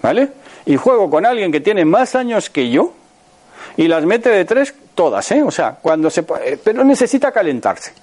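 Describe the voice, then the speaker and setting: A man's voice: high-pitched, big pitch swings, normal speed, darkish tone. A man in his sixties with a Spain Spanish accent giving a motivational talk to an audience. He asks many rhetorical questions and keeps checking in with his listeners. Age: 60s. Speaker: motivational speaker.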